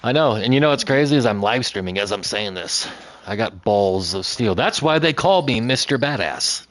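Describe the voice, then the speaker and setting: Lively-pitched joking young man streaming. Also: moderate pace. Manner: boastful, joking, stumbles over words. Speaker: live streamer. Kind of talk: casual group chat on a live stream.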